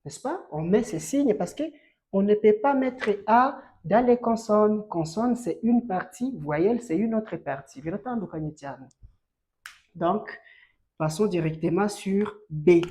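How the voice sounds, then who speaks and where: Slow, warm-voiced woman teaching French. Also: medium pitch, expressive. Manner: slow, emphatic, spells letters aloud with rising stress. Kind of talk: bilingual language lesson.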